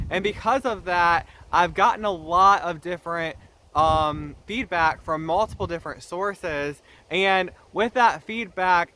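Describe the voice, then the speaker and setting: Earnest man with a bright voice. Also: on the high side. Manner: earnest, explanatory, slightly defensive. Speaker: YouTube channel host. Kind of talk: direct-to-camera vlog talk.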